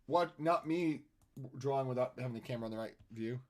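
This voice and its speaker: A man's voice: mid-range voice, a little fast, a little mellow. A man chatting casually on a live stream as he draws, self-deprecating and given to humming melodies. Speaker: streamer and artist. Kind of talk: casual live-stream chat while drawing.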